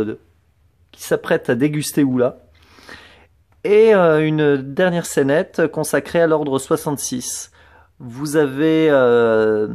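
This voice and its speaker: A man's voice: on the high side, a little mellow. A man giving a casual show-and-tell tour of his collection, hesitant, with many fillers and restarts.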